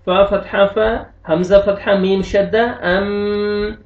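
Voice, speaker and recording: A man teaching Quran recitation, slowly spelling out syllables and chanting them, then explaining pronunciation briskly. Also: sits high, little pitch movement. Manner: slow drawn-out recitation alternating with brisk explanations. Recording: tinny phone-like audio, roomy echo, distant from mic.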